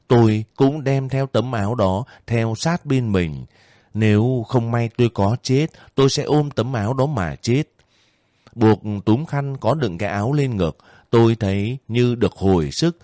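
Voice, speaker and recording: A man narrating a first-person novel as an audiobook in a calm, steady manner. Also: lowish voice, no echo, studio quality.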